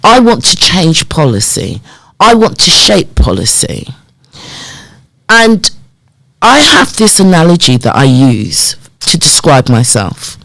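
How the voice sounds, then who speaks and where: A woman in her fifties, a community development worker, tells her life story as a guest on a podcast, speaking slowly in a low-pitched voice. She's an animated storyteller who acts out conversations she remembers. The recording is dry and the audio quality poor.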